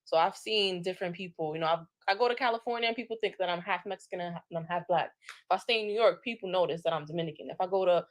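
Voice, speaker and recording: A woman in a casual discussion, reflecting lively on her own experiences. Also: on the low side, rapid-fire, no room sound. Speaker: podcast guest.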